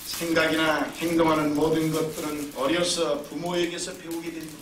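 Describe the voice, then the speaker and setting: Bright-voiced pastor preaching in a roomy church. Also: male voice, a little high, moderate pace. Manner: storytelling, lively and emphatic. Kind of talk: sermon. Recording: roomy, distant mic, faint noise.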